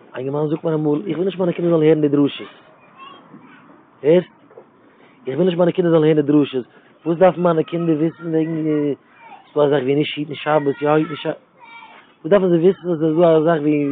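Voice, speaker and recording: A middle-aged man giving an informal religious talk, repeating his phrases with emphasis and circling back to them. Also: fairly high pitch. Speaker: religious speaker. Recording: tinny phone-line sound.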